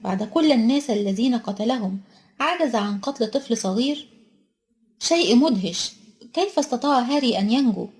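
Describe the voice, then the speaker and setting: Woman reading as a stern older witch professor, high-pitched, agitated, storybook voice. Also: lively intonation, fairly quick, a little mellow. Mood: upset.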